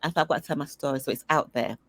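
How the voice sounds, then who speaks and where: A middle-aged woman, an interview guest, telling personal stories in a lively, conversational way and acting out the voices of people she quotes. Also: low voice, racing, no echo. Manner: animated storyteller who acts out dialogue. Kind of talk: conversational storytelling.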